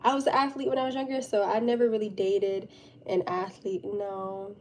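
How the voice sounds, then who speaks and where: A young woman live streamer chats casually and informally with her viewers, giggly and talkative throughout. Her voice is medium in pitch and moderate in pace, with steady background noise behind it.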